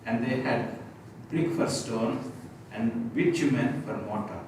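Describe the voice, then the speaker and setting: A man reading a scripture passage aloud to a Bible study group, steady and even. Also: medium pitch, takes it slowly. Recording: distant mic in an echoey room, hissy.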